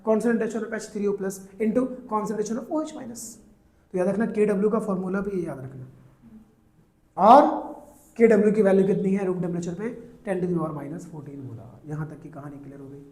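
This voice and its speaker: In an echoey classroom, a high-pitched man with a darkish tone teaches chemistry. He poses questions to his students, answers them himself, and addresses them as "beta." He mixes in English terms, stretching them out slowly.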